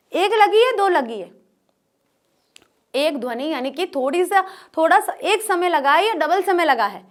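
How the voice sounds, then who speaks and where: High-voiced woman teaching a lesson. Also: a bit bright. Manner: asks questions and answers them herself; repeats key terms. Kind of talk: exam-prep grammar lesson.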